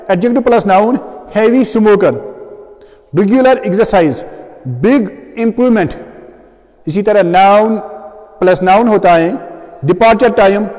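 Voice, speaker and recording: A man's voice: sits high, a little mellow, long reverb tail. A male teacher giving a classroom grammar lecture, explaining step by step and often checking what the students already know.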